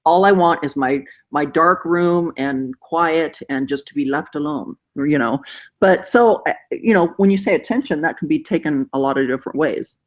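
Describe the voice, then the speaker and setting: A woman's voice: low-pitched, normal speed. A woman hosting a casual chat show, playful and teasing, laughing often between remarks. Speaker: host.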